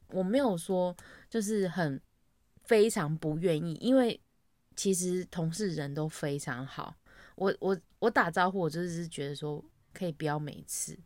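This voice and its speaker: A woman's voice: deep voice, no room sound. A young woman, chatting casually and acting out her own greetings as she tells an office story. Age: young adult. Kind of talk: casual chat.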